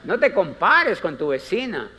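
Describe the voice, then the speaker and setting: A man's voice: very animated, unhurried, bright, forceful tone, slight background noise. A man giving a conference talk as a motivational speaker, theatrical and emphatic, repeating phrases and acting out little scenes. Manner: theatrical, acts out characters with big pitch swings; repetitive, emphatic.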